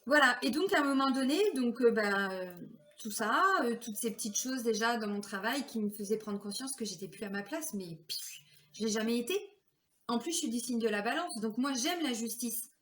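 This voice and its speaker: A woman's voice: fairly high pitch, normal speed, a bit bright, roomy sound, slight background noise. A woman telling her personal story in a chatty way, with many fillers, sometimes acting out the voices of others. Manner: chatty, lots of fillers, acts out quoted voices. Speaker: vlogger and card reader.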